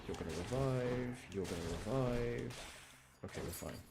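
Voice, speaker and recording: A channel host with a mid-range voice comments on his gameplay a little slowly, lightly grumbling and poking fun at himself as he explains his moves. Noticeable background noise is present in the recording.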